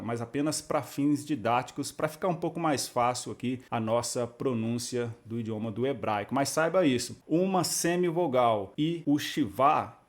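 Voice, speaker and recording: A man teaches in a calm, methodical way. He explains each step patiently and slows down to sound out syllables. His voice sits at a middle pitch. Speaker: Biblical Hebrew teacher. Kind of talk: explanatory video lesson.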